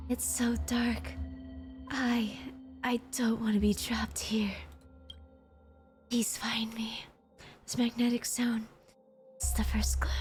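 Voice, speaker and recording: A woman voicing a weakened, frightened ghost from a game, pleading slowly in an unearthly, breathy whisper, with music. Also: on the high side. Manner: slow, pleading. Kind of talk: game voice-over reading.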